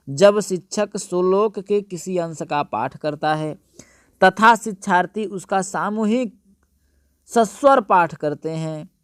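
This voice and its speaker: A man's voice: high voice, no room sound, studio quality. A male teacher giving an exam-prep lesson, repeating each point and calling his listeners friends.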